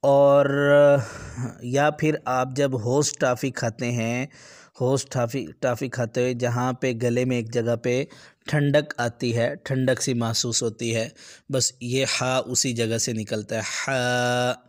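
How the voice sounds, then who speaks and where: A man speaks at a slow pace in a mid-range voice as he teaches young children. He explains patiently with everyday examples and stretches out each sound he demonstrates. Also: medium pitch, flat delivery. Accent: Pakistani Urdu. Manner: drawn-out demonstration of letter sounds. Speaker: Quran reading teacher. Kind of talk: children's lesson.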